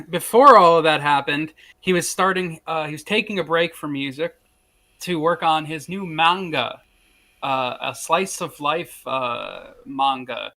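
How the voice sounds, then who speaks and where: A man's voice: a little high, unhurried, creaky, bright, forceful tone. A man co-hosting a casual stream chat, hesitant with many fillers and some dry teasing. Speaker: co-host.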